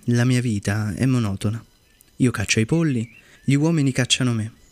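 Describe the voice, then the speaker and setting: Wise gentle fox, storybook reading, a man doing her in a mid-range voice, slow and earnest. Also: mid-range voice, no room sound, natural voice. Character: wise lonely female fox, patient and gentle.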